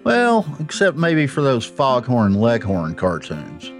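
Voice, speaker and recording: A man from North Georgia with a North Georgia Southern accent, giving a measured, earnest scripted narration as a magazine editor. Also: medium pitch, wildly swooping pitch. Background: faint guitar music.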